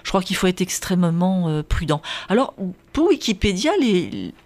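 A woman's voice: lowish voice, big pitch swings, normal speed, darkish tone. A woman speaking as a guest expert in a radio interview, explaining carefully and hesitating often with filler sounds.

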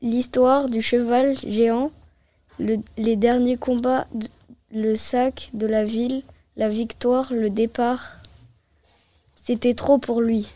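A woman's voice: a little high, steady tone, takes it slowly, pauses often, dark tone. A woman reading a story aloud, hesitant and restarting phrases often. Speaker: reader.

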